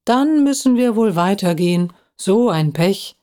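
A woman voicing a cautious, quiet young boy squirrel in a children's story. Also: medium pitch, animated, measured pace, natural voice. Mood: reluctant. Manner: reluctant, sighing.

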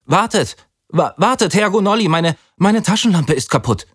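A man's voice: high voice, very animated, moderate pace, fairly bright tone, no room sound, clean studio sound, pitched above the performer's own voice, heavily acted. A man voicing a frightened schoolboy who calls out in panic and stammers, in a children's story reading. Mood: panicked. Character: panicky schoolboy on a night hike.

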